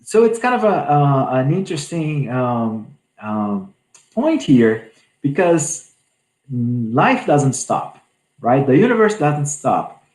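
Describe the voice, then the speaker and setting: A man's voice: medium pitch, very animated, slow, a little mellow, reverberant, low-quality recording. A man giving an earnest spiritual talk on a scripture passage, often restarting his phrases. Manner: earnest, repeats and restarts often, many fillers. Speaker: spiritist speaker.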